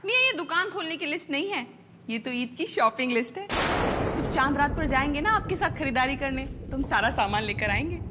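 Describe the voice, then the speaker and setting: A woman's voice: high voice, expressive, fairly quick. A woman playing a sitcom wife, coaxing and flirtatious. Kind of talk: sitcom acting. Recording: TV sitcom with loud music bed.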